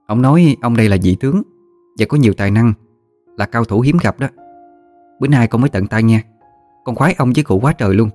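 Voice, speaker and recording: A man voicing a cheerful, admiring young woman, speaking gently and explaining. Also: medium pitch, fast, pauses often, faint music behind, pitched above the performer's own voice, close to an everyday voice. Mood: chatty, affectionate.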